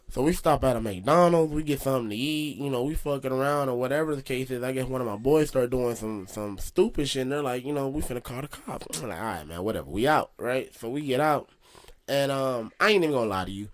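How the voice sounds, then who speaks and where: A young man casually telling a story, slangy and animated, with lots of swearing. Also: medium pitch. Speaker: host.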